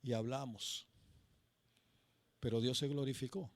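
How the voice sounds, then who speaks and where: A male pastor preaching a sermon. He tells a story with passion, swinging between loud and hushed, and calls his listeners brother. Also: mid-range voice, fairly even intonation, unhurried, no room sound.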